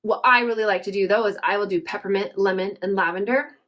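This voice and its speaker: A woman's voice: medium pitch, steady tone, fast talker, fairly bright tone. A woman, a mother, chatting casually through home remedy tips, earnest and chatty, often searching for words. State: briefly teary. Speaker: essential oils seller. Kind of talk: casual how-to chat.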